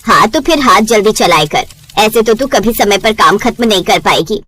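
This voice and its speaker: A stern, nagging mother-in-law, voiced by a woman scolds her daughter-in-law in a lower, firm cartoon voice. Her lines are taunts and orders. The sound is close and dry. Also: expressive, normal speed, sharp tone, husky, no room sound. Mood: scolding.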